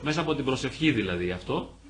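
A man's voice: mid-range voice, animated, slight background noise. Earnest man giving a pastoral talk. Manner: earnest, gentle pastoral counselling with everyday examples. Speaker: invited speaker on marriage. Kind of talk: parish talk with audience questions. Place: church.

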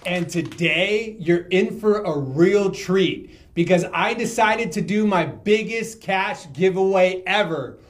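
A man's voice: high voice, slow pace, hardly any pauses. An actor playing an upbeat motivational speaker announcing a giveaway to his crowd. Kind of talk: scripted skit acting.

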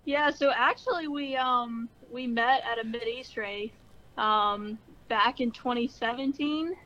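A woman's voice: a little high, measured pace, pushed and bright. A woman heard over a phone on speakerphone, talking in an easygoing, hesitant way with fillers, as a guest on a call-in show. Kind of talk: casual phone interview. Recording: muffled phone line.

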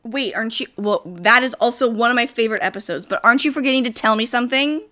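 A high, bright-voiced woman in her thirties chatting as a podcast co-host. She is giggly and animated, and she swears casually as she gushes. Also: quick pace. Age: 30s. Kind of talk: casual chat.

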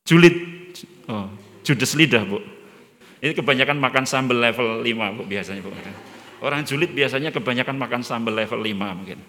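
Male guest preacher, higher voice, forceful and bright, animated with jokes, long church reverb. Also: brisk. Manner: animated, joking, addresses the congregation directly. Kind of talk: sermon.

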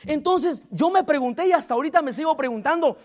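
A man preaching a lively church sermon as pastor. He calls on the congregation to repeat his words and chuckles often as he jokes with them. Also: very high voice, fast. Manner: calls on the congregation to repeat after him and respond. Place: church service.

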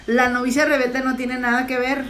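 A woman with a Mexican accent co-hosting a casual comedy chat, animated, slangy and mock-outraged. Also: high voice, moderate pace. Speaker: podcast co-host.

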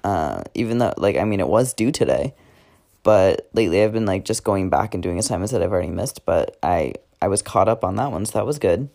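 Rambling teenage guy, low voice. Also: lively intonation, a little fast, gravelly, a little mellow. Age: teens. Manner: rambling, many fillers and self-corrections. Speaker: podcast host. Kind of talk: casual diary monologue.

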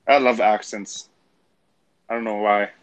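A man from Germany in a casual chat, friendly and encouraging, sometimes halting. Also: lowish voice, fairly even intonation, smooth, no echo.

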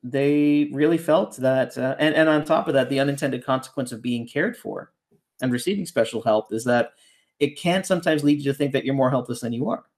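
On a podcast, a Canadian-raised ghostwriter works through his ideas at a fairly quick pace, his pitch ordinary and middle-range. Relaxed and reflective, he rambles, circles back, restarts thoughts, and keeps tacking on a questioning "right?"

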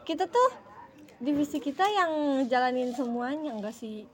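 A woman's voice: high voice, lively intonation, moderate pace. A young woman co-hosting a casual podcast chat, playful and joking in slangy banter, throwing in mouth sound effects. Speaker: podcast co-host.

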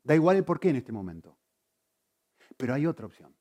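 A man preaching a sermon, swinging between loud emphasis and quiet, intense asides. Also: a little high, big pitch swings, a little fast. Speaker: pastor.

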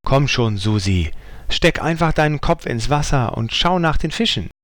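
A man's voice: medium pitch, animated, normal speed, a bit bright, no room sound, close to an everyday voice. A man voicing a playful young female hippo, in a children's storybook reading. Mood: coaxing.

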